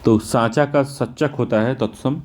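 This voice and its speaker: A man with a North Indian Hindi accent walks through practice test questions in a teaching tone, with a mellow, dark voice. He keeps a mid-range pitch and slows right down to repeat each key word. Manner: repeats words slowly, drawn-out emphasis. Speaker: exam prep teacher. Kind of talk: explaining test answers.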